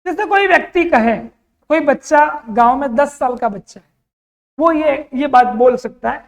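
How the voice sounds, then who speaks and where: A man's voice: very high-pitched, measured pace, vocal fry. A man teaching an exam-prep grammar lesson, quizzing the class with repeated questions and answers. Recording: long reverb in a hall.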